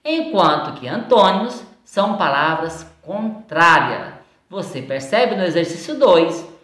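A woman teacher with a Brazilian Portuguese accent going over exercises in a recorded lesson, slow and patient, stretching words out syllable by syllable. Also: lowish voice, sing-song, fairly bright tone. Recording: echoey room sound.

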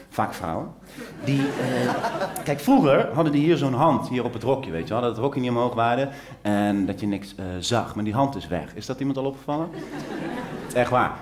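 A man from Brabant performing stand-up comedy on stage, rambling in a deadpan, mock-earnest way. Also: medium pitch. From Brabant, Netherlands. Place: theater stage. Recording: roomy theater stage.

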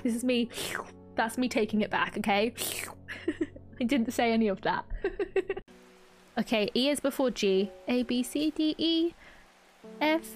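A young woman streaming a video game, chatting casually and breaking into frequent giggles and squeals. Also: sits high. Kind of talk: casual gameplay commentary.

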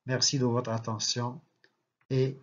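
A man, a literature teacher reading a novel aloud and pausing to explain figures of speech. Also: mid-range voice, level tone, a bit bright. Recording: slightly muffled lo-fi recording.

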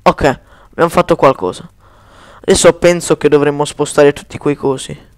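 A man giving casual gameplay commentary in speech, chatty, cursing at lag and slowly chanting spell words. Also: fairly high pitch, fairly even intonation.

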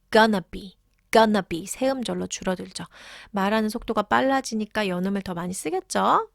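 A woman teaching English, patiently explaining and repeating key words slowly. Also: medium pitch, gravelly, no echo, clean studio sound. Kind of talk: explaining English lessons in Korean.

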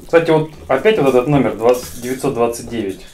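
A man's voice: mid-range voice, expressive, fast talker, darkish tone. A man in his thirties talking casually at the table during a family mukbang meal. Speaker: father in a family mukbang vlog. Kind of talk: casual mealtime chat, mukbang. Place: small indoor room at a dining table. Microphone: camera across the table. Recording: noisy room, clattering cutlery and dishes.

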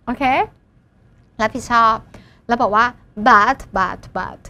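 Woman English tutor with a high voice, quick questions to the class. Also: muffled recording. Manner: lively, asks students questions and answers them herself; mixes English words into her talk. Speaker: English teacher. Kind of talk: exam-prep lesson.

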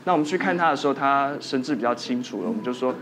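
A man's voice: mid-range voice, animated, very fast, background noise. A man, a doctor guest telling a ghost story on a TV talk show and quoting people in dialogue. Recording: studio with music playing under it.

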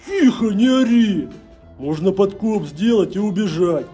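A man's voice: sits high, expressive, a little slow, mellow, slightly rough, soft background music, heavily acted. A man playing a scheming homeless petty thief in a jail cell for a comedy sketch. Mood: sly, hushed. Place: derelict brick building.

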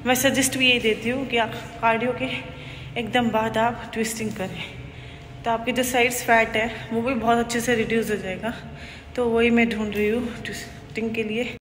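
Filming a casual workout vlog on her phone, a fitness vlogger in her thirties explains exercises in a chatty, instructive way, sprinkling English words into her speech. Her voice is slightly high and a bit bright, with little pitch movement and normal speed. The handheld-and-propped phone picks up the noisy echo of an empty hotel gym.

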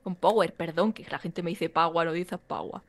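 A woman's voice: lowish voice, steady tone, a little slow, a bit bright. A woman who is a podcast guest, talking in casual chat and turning down ideas in a blunt, teasing way.

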